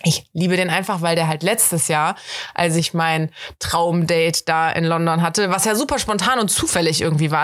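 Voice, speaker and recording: A young German woman hosts a podcast, telling a story in a casual, chatty, animated way. She acts out the quoted dialogue, giving those lines big jumps in pitch.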